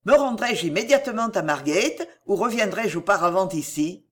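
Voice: mid-range voice, expressive, normal speed, fairly bright tone, lightly acted. A reader voicing an ardent young man, earnest and imploring, in an audiobook of a classic novel.

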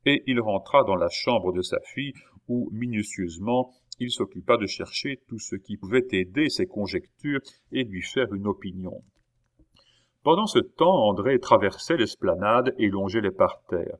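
A man narrating a classic novel aloud in a measured way, with the odd hesitation. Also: on the low side, expressive. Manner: measured reading with occasional hesitations. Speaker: audiobook narrator. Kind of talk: literary audiobook narration.

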